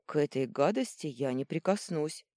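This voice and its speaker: A woman's voice: sits low, expressive, normal speed, mellow, dry recording, clean studio sound. A woman voicing a stern, formal older female gnome warrior who grumbles in an audiobook. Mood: grumbling. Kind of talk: audiobook reading.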